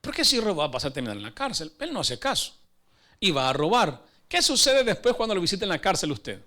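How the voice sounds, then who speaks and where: Man, church sermon, earnest, high-pitched, bright tone. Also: very animated, brisk. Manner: earnest, repeats words, acts out voices in stories. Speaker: pastor.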